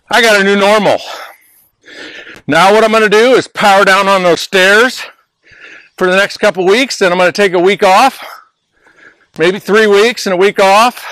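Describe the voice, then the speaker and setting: Breezy, high-pitched older man, slightly winded. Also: bright, forceful tone, no room sound, low-quality recording. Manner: breezy, playful and emphatic, with repeated hooks. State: slightly out of breath. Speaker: network marketing trainer. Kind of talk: casual motivational vlog.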